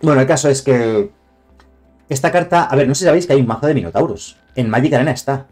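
A man's voice: medium pitch, quick pace, a little mellow, faint music behind. A man from Spain with a Castilian accent, chatting casually and digressively on a live stream, reviewing cards and greeting viewers. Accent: Castilian Spanish.

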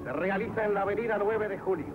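A tinny vintage newsreel soundtrack with loud music behind a man. He narrates in a high-pitched voice, with solemn, florid 1940s declamation. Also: fast talker. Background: orchestral music.

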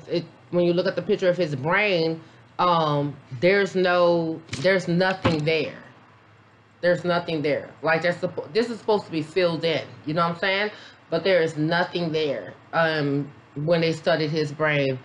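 A woman with a lowish voice talks at a moderate pace with fairly even intonation, slight background noise behind her. She's a vlogger and mom reviewing a documentary in a casual reaction video, blunt and profane, rambling through lots of fillers. One beer in, she's a little tipsy.

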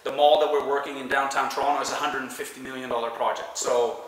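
Speaking quickly at a medium pitch, this man in his forties from Sweden works as a painting contractor and has a Swedish accent. He answers interview questions casually, filling gaps with lots of filler sounds. A lapel mic captures him inside a big warehouse that produces heavy echo and long reverb.

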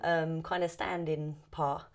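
A woman in her thirties, an actor being interviewed, talking casually with many hesitant pauses. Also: low-pitched, little pitch movement.

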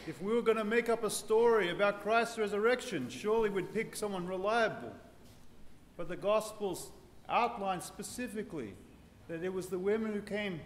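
Priest preaching in an echoey church. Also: male voice, high voice, a little hiss or hum. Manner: earnest, unhurried preaching with rising joyful emphasis. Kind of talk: sermon. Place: large ornate church with congregation. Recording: echoey church hall, reverb, faint ambience.

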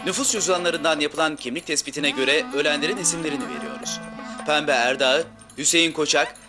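A man's voice: fairly high pitch, a little fast, music in the background, close to an everyday voice. An actor playing a stiff, formal male TV news anchor, reading a bulletin evenly. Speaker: TV newsreader.

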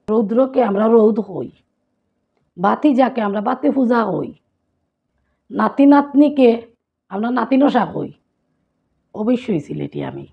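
A woman's voice: on the high side, creaky, slightly rough, dull audio. A woman from Sylhet with a Sylheti Bengali accent, vlogging casually and listing local words one after another. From Sylhet, Bangladesh. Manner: repetitive, listing words and their local forms. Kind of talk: casual vlog teaching dialect words.

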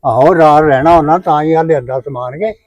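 Guy doing a calm old grandpa, kinda high voice, dry sound. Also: fairly quick, no echo, natural voice. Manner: calm, reassuring. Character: easygoing grandfather, obliging to his wife.

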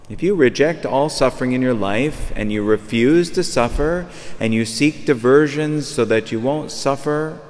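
A man in his fifties preaching a sermon from a pulpit, talking conversationally and repeating phrases as he searches for words. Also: mid-range voice. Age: 50s. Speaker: priest. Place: large church, at a pulpit. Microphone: far camera. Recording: long church reverb.

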